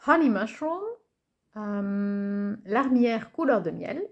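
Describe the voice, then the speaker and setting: A woman presenting a card game in a casual video, cheerful and amused, pausing often with fillers and reading titles slowly. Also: medium pitch, lively intonation, highs cut off. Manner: hesitant, many fillers, muses aloud over names; reads English card titles slowly and carefully. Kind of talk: casual show-and-tell presentation.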